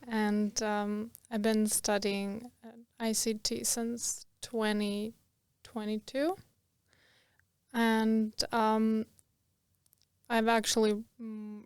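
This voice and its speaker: A woman's voice: on the high side, darkish tone, smooth, dry recording. A young woman from Croatia, a podcast guest, chatting casually with lots of fillers and laughs. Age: young adult. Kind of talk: casual interview.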